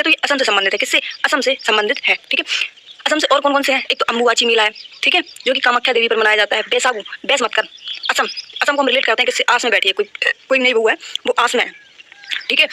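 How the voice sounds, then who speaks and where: Fast, bright-voiced woman teaching exam tricks. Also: a little high, a little hiss or hum. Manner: asks a question then answers it herself. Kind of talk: exam-prep lesson with memory tricks.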